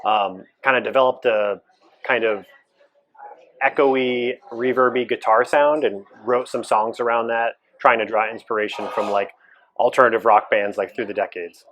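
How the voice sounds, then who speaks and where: A man from Massachusetts, the band's founder and guitarist, answering interview questions in a relaxed, rambling way with many fillers. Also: mid-range voice, moderate pace. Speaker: band founder, guitarist and singer.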